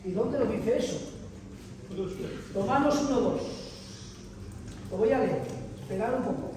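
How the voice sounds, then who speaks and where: High-voiced man preaching in an echoey hall. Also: measured pace, recorded from a distance, noisy background. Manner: emphatic, dramatic retelling, calls on the congregation, bursts into shouts. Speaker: visiting preacher. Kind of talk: animated Bible teaching. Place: church hall.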